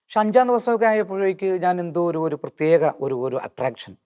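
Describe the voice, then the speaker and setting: A man giving an earnest personal testimony in an interview, slowing down when he quotes hymn lines. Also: high-pitched, expressive, warm tone, clear, resonant tone.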